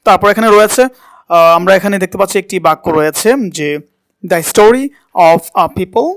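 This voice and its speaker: A man's voice: high voice, normal speed, fairly bright tone. A man teaching a spoken English class, asking a student to repeat words and correcting how they are said. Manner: coaching pronunciation, asks and repeats words.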